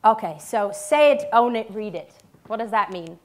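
A woman's voice: medium pitch, lively intonation, moderate pace, darkish tone. A woman in her thirties giving a conference talk, emphatic, with short punchy statements and check-in questions. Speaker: conference speaker, radio ad writer. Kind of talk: conference presentation. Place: theatre stage.

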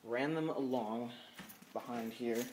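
The audio is poor, with a little hiss or hum, as a man slowly walks through his home studio in a dim room at his computer. His medium-pitched voice has a darkish tone, and he speaks casually and with some self-deprecation. Music plays in the background of this handheld camera or phone mic recording.

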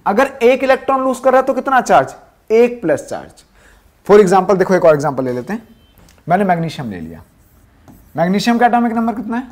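A male science teacher in a classroom lesson who fires off quiz questions and answers them himself, dropping lower for the answers and repeating key terms drill-style. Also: very animated, a little fast.

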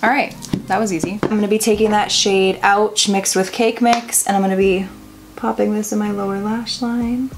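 A woman's voice: mid-range voice, steady tone, moderate pace. A woman in her twenties doing a casual, chatty makeup tutorial, giggly and tipsy, rambling with swearing and self-deprecation. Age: 20s. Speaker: makeup vlogger. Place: home bedroom, indoors. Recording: music playing behind the voice. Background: background music.

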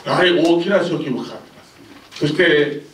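A man's voice: a little high, a bit bright, a little hiss or hum. Older man speaking in a roomy hall. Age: older, about 70s. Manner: polite, unhurried and conversational. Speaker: bowling federation director. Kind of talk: formal press conference remarks. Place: indoor press conference room. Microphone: handheld microphone. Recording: roomy, mic a bit distant.

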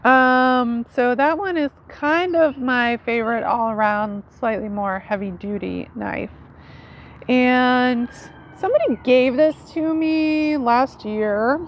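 This is a casual outdoor explainer from a woman in her forties, a foraging teacher showing her knives the way an instructor displays gear. She talks slowly in a somewhat high voice, conversational and fond of a questioning "right." The setting is a leafy yard under a tree, captured with dull audio and outdoor ambience.

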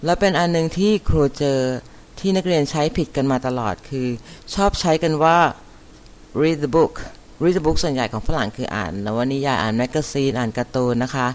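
A woman teaching an English vocabulary lesson, repeating each word and spelling it out letter by letter with careful, deliberate enunciation. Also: low-pitched, a little mellow. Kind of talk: slow vocabulary lesson, spelling words aloud.

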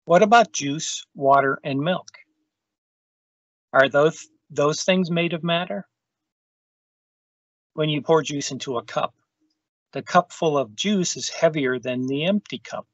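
Pausing often and keeping a measured pace, a storytime reader shares a children's science book over a video call. He has a slightly high voice, and the call microphone produces dull, lo-fi sound without any echo.

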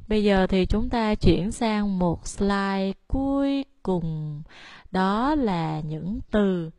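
A woman's voice: medium pitch, animated, extremely slow, darkish tone, no room sound. A woman whose first language is Vietnamese, giving a spoken lesson on Korean intonation and patiently explaining before reading example words aloud.

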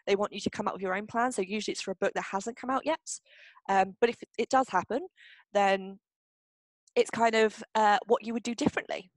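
A woman's voice: mid-range voice, no echo, rough recording. A young woman hosting a publishing workshop, reading out questions and answering them in a chatty way, with frequent ums and restarts. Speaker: publishing marketing workshop host.

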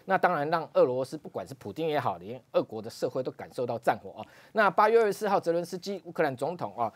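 Male TV pundit with a Taiwanese Mandarin accent, rapid-fire delivery, trailing "哦" particles, emphatic spikes of pitch. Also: sing-song. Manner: frequent "哦" particles, emphatic rises. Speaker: political commentator. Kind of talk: TV talk show analysis. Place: TV studio.

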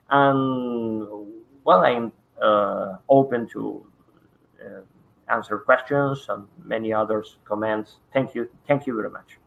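A middle-aged Argentine man with a Spanish accent gives an online conference presentation over a video call from a home study lined with bookshelves. His English is hesitant and full of fillers, and his voice is lowish, slow, and gravelly. The webcam audio sounds dull and lo-fi.

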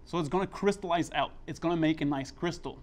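A middle-aged man hosts a casual science demonstration in an indoor school chemistry lab, explaining things informally as he works. His voice is on the high side and quick-paced.

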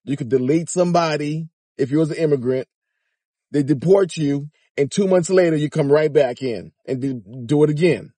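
Man, middle-aged, relaxed tone, dry close sound, challenging informal commentator, incredulous rhetorical questions. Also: fairly high pitch, moderate pace, no echo. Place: inside a car.

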